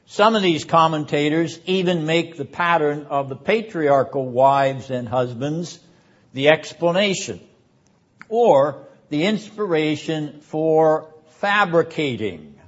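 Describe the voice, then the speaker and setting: A man preaching a Bible lecture in an emphatic, deliberate way with sarcastic asides. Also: fairly high pitch. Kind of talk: sermon-style Bible lecture. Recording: dull lo-fi recording.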